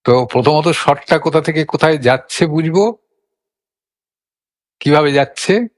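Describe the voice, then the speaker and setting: A man's voice: a little high, moderate pace. An older man teaching a recitation lesson, explaining patiently and answering his own questions. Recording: long hall reverb.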